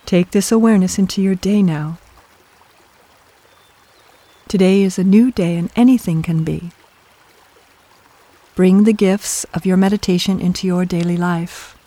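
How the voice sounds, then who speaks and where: A soft, soothing voice guiding a meditation in slow, measured phrases with long pauses between them. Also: medium pitch, steady tone, no echo. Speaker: meditation guide. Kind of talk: guided meditation, scripted narration.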